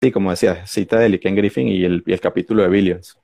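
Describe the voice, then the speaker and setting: A man's voice: deep voice, fairly even intonation, fast, creaky, dark tone, dry recording. A man hosting a casual market commentary stream, rambling with many fillers and restarts. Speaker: host of a markets talk stream.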